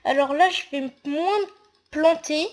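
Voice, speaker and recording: A woman's voice: sits high, measured pace, a little mellow. A woman talking through a casual game tutorial while she builds, hesitant and full of fillers. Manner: hesitant, narrates actions with fillers.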